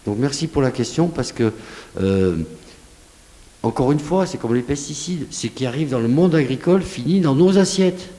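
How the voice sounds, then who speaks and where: A man with a southwestern French accent answering audience questions at a public lecture, lively and conversational, using rhetorical questions. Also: medium pitch, moderate pace. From southwest France. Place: lecture hall. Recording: long hall reverb.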